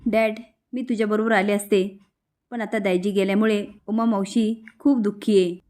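An earnest young daughter from a soap-story retelling, pleading gently and devotedly with her father, as a woman narrator reads her lines. Middle-pitched and close to plain reading. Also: fairly even intonation, moderate pace, close to an everyday voice.

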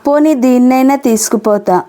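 A woman's voice: high voice, moderate pace, mellow, lightly acted. A woman voicing a poor, hardworking elderly grandmother who talks fondly in plain village speech. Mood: affectionate.

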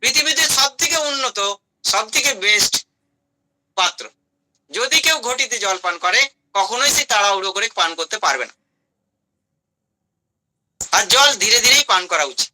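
A man's voice: high voice, lively intonation, normal speed, long pauses, pushed and bright, slight background noise, poor audio. A man giving a health talk to an audience, emphatic, listing items in short bursts and asking rhetorical questions. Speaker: health speaker.

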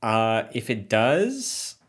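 A young man with a fairly low voice co-hosting a casual talk podcast. He chats easily and wryly, chuckling as he goes. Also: sing-song, extremely slow, slightly rough. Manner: chatty and wry, often laughing. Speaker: podcast co-host. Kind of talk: casual chat.

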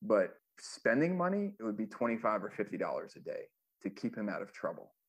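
A man's voice: lowish voice, sing-song, brisk, husky. A man, a former music manager, telling stories in a casual interview, loose and profane with lots of fillers. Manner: loose, profane storytelling with many fillers and acted quotes.

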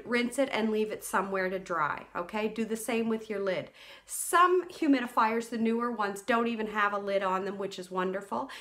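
A woman in her forties explains step by step, chatty and down to earth, often doubling words for emphasis. Her voice sits a touch high. She is seated in a small room, talking straight into a webcam. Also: a bit bright. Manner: chatty, practical, repeats for emphasis. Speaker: sleep clinic CPAP educator. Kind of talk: casual how-to demonstration.

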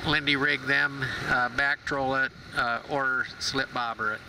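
A man's voice: medium pitch, fairly even intonation, measured pace. A man narrating a fishing tour of a lake from a boat, speaking plainly with frequent "uh" fillers. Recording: loud boat and wind noise. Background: boat motor and water noise.

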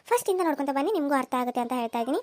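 A woman's voice: high voice, expressive, rapid-fire, a little mellow. A woman hosting a cartoon story channel, chatting to viewers and asking them to subscribe. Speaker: channel host. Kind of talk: channel intro.

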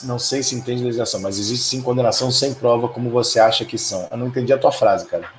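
A man's voice: medium pitch, a little hiss or hum. Fiery, profane Brazilian man ranting. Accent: Brazilian Portuguese. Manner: profane, fiery, quick to anger and rant. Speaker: live stream host reading viewer comments. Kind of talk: casual heated live chat. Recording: echoey room.

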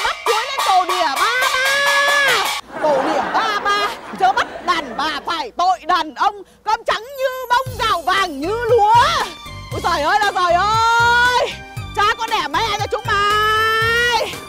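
A woman playing a hot-tempered village mother who curses a thief in shrill, rhythmic rants. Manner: shrill, ranting, rhythmic cursing. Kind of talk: comedy sketch acting.

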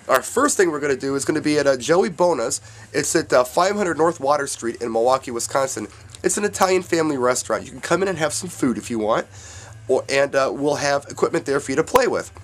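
A man, a DJ hosting his own video channel, announcing upcoming events to his viewers in an upbeat way while reading dates and addresses from notes. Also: a little high. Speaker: DJ and YouTube host announcing events.

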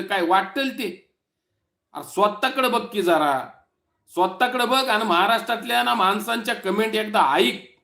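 High-pitched guy ranting mad and sneering at someone, roomy echo. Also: fairly bright tone. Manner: scornful, insulting, mocking. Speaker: YouTube commentator. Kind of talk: angry political rant to camera.

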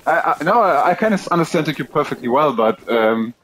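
A man's voice: fairly high pitch, lively intonation, fairly quick, a bit bright, poor audio. German-accented man, hesitant casual gamer. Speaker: online game player. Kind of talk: casual in-game chat.

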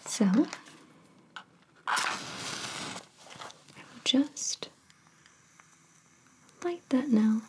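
A woman whispering as a spa therapist in an ASMR roleplay, soft, soothing and attentive as she walks a client through a treatment. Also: high-pitched, lively intonation, extremely slow, long pauses, low-quality recording.

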